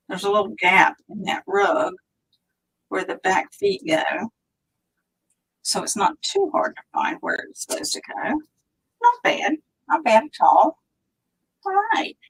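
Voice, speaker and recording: A woman's voice: mid-range voice, vocal fry, fairly bright tone, breathy edge, low-quality recording. A woman hosting a live craft tutorial, chatting and thinking aloud as she stamps, now and then dropping to a near whisper while her hands are busy. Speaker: stamping demonstrator.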